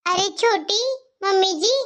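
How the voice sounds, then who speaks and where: A patient elder daughter-in-law in a cartoon story, voiced by a woman, soft-spoken and eager to please. The voice is very high and bright. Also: steady tone, measured pace. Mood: gentle.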